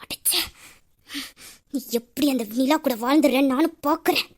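A jealous young woman, played by a woman in an audio drama. Her voice is high and sneering, and she talks with open spite. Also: moderate pace, natural voice. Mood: spiteful.

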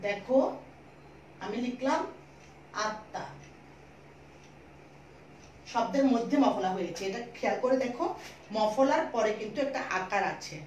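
During an online school lesson, a teacher with a Chittagonian Bangla accent repeats each rule slowly, patiently guiding her students; her voice sits fairly high. She seems somewhat far from the microphone. Echo fills the room, and a faint hiss lingers underneath.

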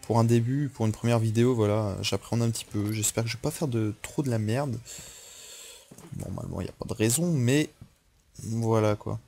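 A man's voice: fairly low pitch, brisk, creaky, warm tone. A tired young man talking casually over a game on his headset mic, rambling and apologetic. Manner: rambling, apologetic, with self-talk. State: tired after little sleep. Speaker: gaming YouTuber. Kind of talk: casual let's-play commentary.

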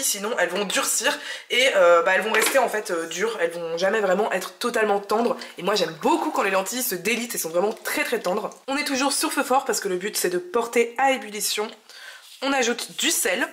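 A cooking channel host, a young woman with a fairly high and slightly bright voice, narrates a casual vlog from her home kitchen. Chatty and enthusiastic, she explains each recipe step as she goes.

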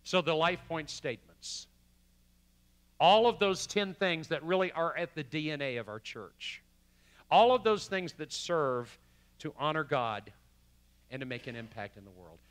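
Bright-voiced preaching man. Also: fairly high pitch, animated, measured pace, smooth, no echo. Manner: preaching with wide swings from loud emphasis to hushed quotes. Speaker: pastor. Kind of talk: sermon. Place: church sanctuary.

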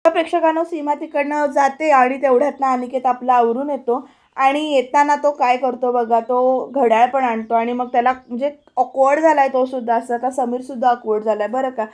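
A woman's voice: high voice, fairly even intonation, fairly quick, darkish tone. A woman retelling a TV serial episode in a chatty voice-over, often addressing the viewers. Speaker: serial review narrator.

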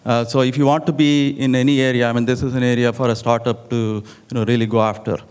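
A middle-aged man on a conference hall stage, talking into a handheld mic. He explains things steadily and fills his pauses with "you know". His voice sits at an ordinary middle pitch. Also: little pitch movement, darkish tone, clear, resonant tone. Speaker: panelist. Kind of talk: conference panel discussion. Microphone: handheld microphone.

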